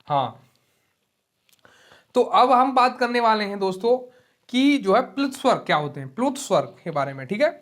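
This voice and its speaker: A man's voice: high-pitched, very animated, a bit bright. Casting note: male teacher in an exam-prep lecture, patient, repetitive, drags vowels out to demonstrate them. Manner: explains slowly, repeats key terms and keeps saying "ठीक है". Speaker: Hindi teacher.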